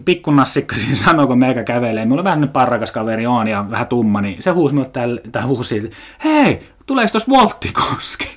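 A young man talking casually on his own, ranting, swearing often and wandering from story to story. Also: medium pitch. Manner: swears a lot, rambling comic rant.

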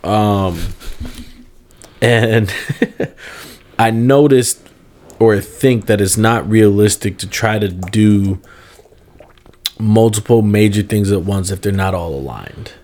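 A man's voice: on the low side, takes it slowly, pauses often, a little mellow. A young man co-hosting a casual podcast, joking with playful slang. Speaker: podcast co-host. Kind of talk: casual chat.

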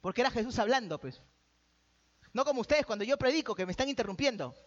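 A man preaches a lively sermon, joking with the congregation and calling out to them. The recording is dull and lo-fi. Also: very high voice, fast talker. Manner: calls out to the audience. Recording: dull lo-fi sound.

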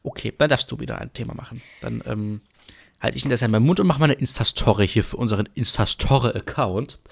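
A man's voice: mid-range voice, fast talker, gravelly. A man co-hosting a casual podcast chat, joking around and rambling on between topics. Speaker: podcast co-host.

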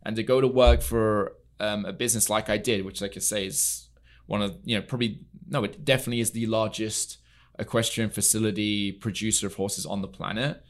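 A man's voice: on the low side, steady tone, brisk. A young man from England, a guest in a studio interview, talking earnestly with many fillers. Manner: earnest, storytelling, frequent fillers. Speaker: podcast guest, equestrian entrepreneur. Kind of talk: casual interview chat. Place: podcast studio.

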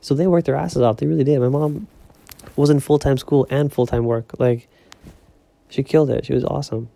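A young man muses aloud on his solo podcast, full of "like" and "you know." His voice is gravelly and very dark, and he keeps it hushed at home at night. The sound is dry and close. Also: mid-range voice, fairly even intonation, brisk, dry recording. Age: young adult. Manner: rambling, filler-heavy, talking softly so as not to wake others. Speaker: podcast host. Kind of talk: casual solo podcast musing.

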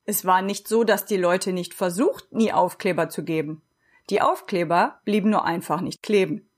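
A woman narrating a children's storybook in a steady, expressive reading voice. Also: on the low side, normal speed. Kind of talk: storybook narration read aloud.

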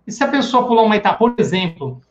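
Man with a high voice, lecturing casually on psychology in a live stream. Echoey room, dull lo-fi sound. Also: very animated, rapid-fire. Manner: casual and chatty, acting out everyday examples. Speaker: psychoanalysis teacher.

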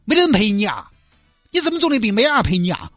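A man's voice: high-pitched, big pitch swings, fast talker, fairly bright tone, dry recording, studio quality, soft background music, pitched above the performer's own voice, exaggerated voice. A man voicing a kindly, fussing middle-aged bus driver with a Sichuanese accent who coaxes and chatters. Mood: coaxing.

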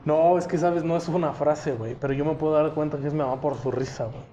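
A man's voice: fairly high pitch, quick pace, dark tone, muffled recording, a little hiss or hum. A young man with a Mexican accent, chatting casually and rambling, peppering his talk with slang. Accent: Mexican Spanish. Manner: rambling, slangy, fills with "güey". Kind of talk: casual chat among friends.

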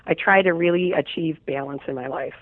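A woman's voice: sits low, brisk, no echo. An American woman, congested with a head cold, telling her own story as an interview guest. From Chicago, United States. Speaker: podcast guest, chiropractor and business owner. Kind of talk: interview answers, personal storytelling. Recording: narrow tinny phone-like line.

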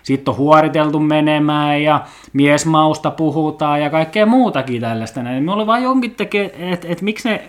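A man's voice: fairly high pitch, animated. A young man hosting an unscripted solo podcast from his apartment, talking in a blunt, profane, rambling way. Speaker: podcast host. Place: apartment at home.

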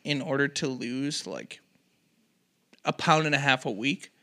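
A man's voice: medium pitch, animated, unhurried, pushed and bright. A young man co-hosting a podcast, chatting casually in a playful, teasing, pushy manner. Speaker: podcast co-host. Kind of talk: casual chat.

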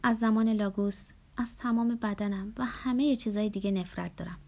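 A woman reading a novel aloud gives a gravely ill woman a hushed, tearful, breaking voice. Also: mid-range voice, steady tone, close to an everyday voice. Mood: tearful despair. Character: frightened, gravely ill grown woman weeping at night. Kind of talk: audiobook character voice.

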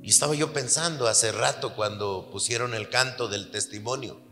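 A man preaching a sermon to his church, earnest, dropping his voice low for emphasis and turning lively when he tells a story. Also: normal speed. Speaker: pastor. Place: church hall. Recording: reverberant church hall with soft music.

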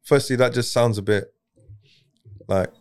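A man's voice: mid-range voice, very animated, fast talker. A man with a British accent hosting casual banter, asking questions in a slangy, teasing way. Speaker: podcast host asking questions.

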